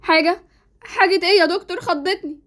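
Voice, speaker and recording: A woman playing a frantic, very high Egyptian mother. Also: fast, a bit bright. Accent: Egyptian Arabic. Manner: frantic, pleading. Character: anxious, doting mother. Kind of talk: Roblox series voice acting.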